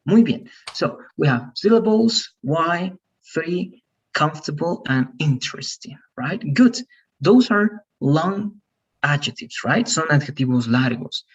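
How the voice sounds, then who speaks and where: A man's voice: fairly high pitch, husky, distant mic, dull audio. A man teaching an English pronunciation lesson, patient and encouraging, mixing Spanish explanations with English examples.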